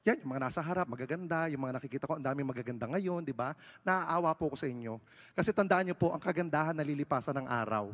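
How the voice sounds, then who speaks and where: High-voiced, brash stand-up comedian man. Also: quick pace. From Philippines. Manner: brash, self-mocking banter with the crowd; loud stage calls to the audience. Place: large live event stage with audience. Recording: reverberant live venue sound.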